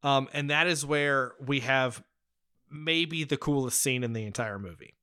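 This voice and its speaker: A man's voice: medium pitch, measured pace, pushed and bright, clear, resonant tone. A man co-hosting a casual film review chat, eagerly recapping scenes with frequent fillers and restarts. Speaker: podcast co-host discussing a film.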